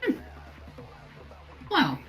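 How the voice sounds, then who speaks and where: A woman acting as game master, narrating an online role-play in a relaxed, wry way and laughing easily. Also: drawn-out words, faint music behind.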